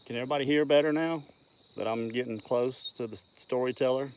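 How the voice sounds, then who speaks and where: A man's voice: mid-range voice, fairly quick, a little mellow, clean tone, low-quality recording. A man with a Southern American accent hosting a casual, teasing chat outdoors. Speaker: host of the gathering. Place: outdoors at a campout.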